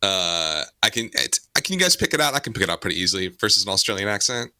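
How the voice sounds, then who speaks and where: A man hosts a casual film podcast in a notably bright, slightly low voice. He talks loosely, with frequent fillers and quick asides. The sound is dry and close to the mic. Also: very animated, no echo. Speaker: podcast host.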